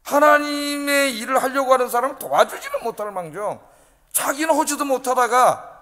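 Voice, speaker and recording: A male pastor delivering a midweek sermon, emphatic and animated, often prodding the congregation with rhetorical questions. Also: very high-pitched, normal speed, long reverb tail. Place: church sanctuary.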